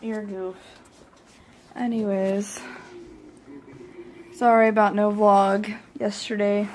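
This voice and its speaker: Slow-talking woman vlogging to camera. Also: mid-range voice, little pitch movement, a little mellow, slight background noise. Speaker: vlog host. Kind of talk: casual chat.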